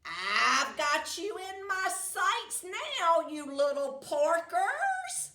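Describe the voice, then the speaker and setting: A woman voicing a greedy, bossy storybook witch who shouts rude insults. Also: very high-pitched, very animated, extremely slow, echoey room, pitched above the performer's own voice, exaggerated voice.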